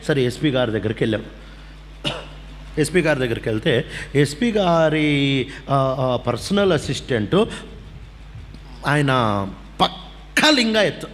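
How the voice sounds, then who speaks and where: A man preaching a testimony, telling the story in an animated way and acting out the voices of the people in it. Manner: animated storyteller, acts out dialogue, pitch swings widely. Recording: long hall reverb with faint background hum.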